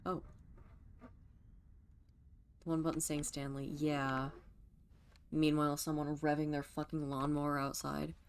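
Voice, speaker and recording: A woman's voice: sits low, flat delivery, measured pace, pauses often, a little hiss or hum. A woman streaming a video game, chatting to her viewers and thinking aloud as she plays, with the odd swear. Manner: talks to chat while playing, thinking aloud, swearing. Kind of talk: casual let's-play commentary.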